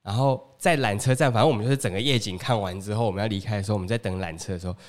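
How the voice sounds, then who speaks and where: A man from Taiwan co-hosting a casual podcast chat, telling travel stories in an animated way and acting out the people he overheard. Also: fairly low pitch, racing. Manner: animated storyteller, acts out overheard people in raised voices. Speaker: podcast co-host.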